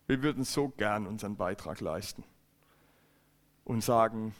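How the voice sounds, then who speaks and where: A pastor preaches a sermon at a church service in a lowish, slightly slow voice. He is earnest and emphatic, often repeating and restarting phrases.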